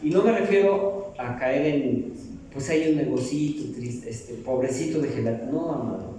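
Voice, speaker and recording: Delivering a sermon in a church hall, a middle-aged man mixes in humor and questions for the congregation. His medium-pitched voice is dark in tone and moves at a normal speed, captured by a far-off mic in an echoey hall with a bit of hiss or hum.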